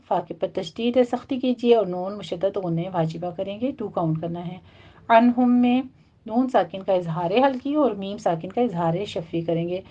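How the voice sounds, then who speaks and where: A woman teaching Quran recitation rules step by step, and reciting verses in a slow, drawn-out chant. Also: medium pitch, dark tone. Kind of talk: tajweed lesson, explaining rules and reciting verses. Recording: dull, muffled lo-fi audio.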